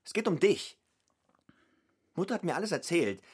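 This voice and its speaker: An actor playing a furious older brother in a radio drama, scolding and shouting at his younger brother to defend their parents. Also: sits high, sing-song, moderate pace, husky, full character voice.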